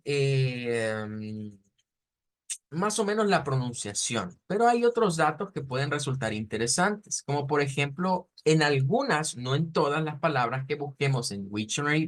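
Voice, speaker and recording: Man, language teacher, slow repetitions, a bit high-pitched. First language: Spanish. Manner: patient, explanatory, repeats sounds slowly to model pronunciation. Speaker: German teacher. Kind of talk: online language lesson.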